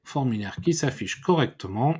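A man giving a screen-recorded software tutorial, thinking aloud and correcting himself as he clicks through menus. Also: mid-range voice, expressive, husky. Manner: unhurried, thinking aloud with many fillers and self-corrections. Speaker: WordPress tutorial instructor.

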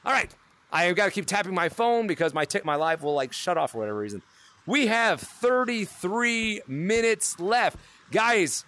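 A young man streaming a VR game live, excitable and laughing often as he calls out fans' names. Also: sits high, a little hiss or hum. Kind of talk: live-stream chat with fans.

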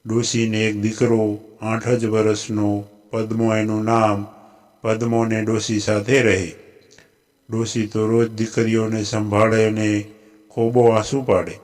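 A man with a Gujarati accent narrates a traditional folk tale in measured, scripted storytelling. His voice sits a little low and stays remarkably flat, hardly rising or falling.

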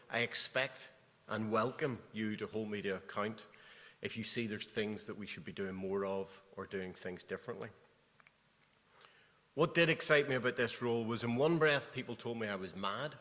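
Middle-aged male keynote speaker reading from notes, low-pitched, long reverb of a lecture hall. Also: fairly bright tone. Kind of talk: prepared keynote speech.

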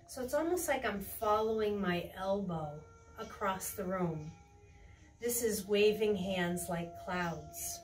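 Faint music and slight background noise accompany a middle-aged woman's medium-pitched voice, captured by a distant mic in a small carpeted room. She leads tai chi with serene, encouraging, unhurried cues, taking students step by step through each movement.

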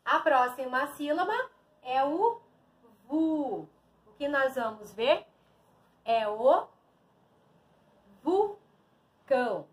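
A woman's voice: high voice, lively intonation, takes it slowly. A woman teacher from Brazil giving a reading lesson to young children, stretching and stressing each syllable.

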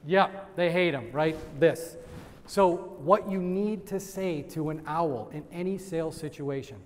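A man giving a lively sales training talk to a live audience, quizzing the crowd and laughing often. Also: on the high side, a little slow. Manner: energetic, asks the crowd questions and laughs. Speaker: real estate sales trainer. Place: event room with audience. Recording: long hall reverb.

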